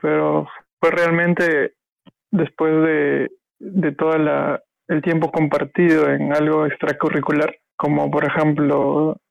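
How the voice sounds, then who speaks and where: A man's voice: a little high, flat delivery, slow pace, creaky, no echo, highs cut off. A man, a podcast guest who talks hesitantly, with many fillers and restarts. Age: 30s. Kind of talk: casual podcast chat.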